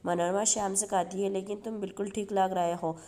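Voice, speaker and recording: A woman reads a TV episode recap for her channel in a mellow, soft-edged voice. Her pitch stays flat and level. She reads the characters' lines in her own voice instead of acting them. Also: a little fast. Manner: steady read-through, reads quoted dialogue in her own voice. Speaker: YouTube channel host. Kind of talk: reading a TV serial episode recap.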